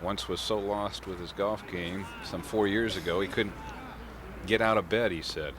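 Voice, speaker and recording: A man's voice: low-pitched, steady tone, moderate pace. A man delivering live golf commentary for a broadcast. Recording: broadcast with loud crowd noise. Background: loud crowd and outdoor noise.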